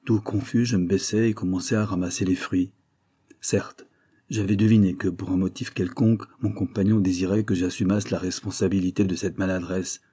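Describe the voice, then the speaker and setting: A man narrating an audiobook in the first person, in a measured storytelling manner. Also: sits low, fairly even intonation, mellow, slightly rough.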